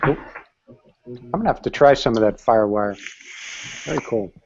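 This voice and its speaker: An easygoing male host keeps a casual live-stream chat rolling with short replies and frequent laughs. His mid-pitched voice sounds dull and lo-fi, as if over an online call. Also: normal speed, creaky, background noise. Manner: easygoing, brief responses, laughs often.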